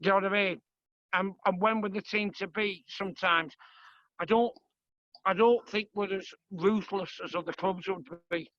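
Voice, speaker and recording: A man's voice: high-pitched, steady tone, normal speed, a bit bright, dry recording, dull audio. A man with a northern English accent in casual, blunt, colloquial pub-style chat about sport as a fan and host. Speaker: host, fan asking questions of a player. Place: small room in a home, kitchen.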